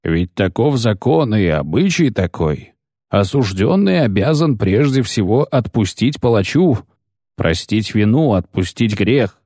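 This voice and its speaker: A man's voice: fairly low pitch, big pitch swings, mellow, husky, dry recording, clean studio sound, heavily acted. A man doing a hollow-voiced grim executioner. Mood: sullen. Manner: hollow, sepulchral, slow and gloomy. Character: grim hooded male executioner, sullen. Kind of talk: audiobook character voice.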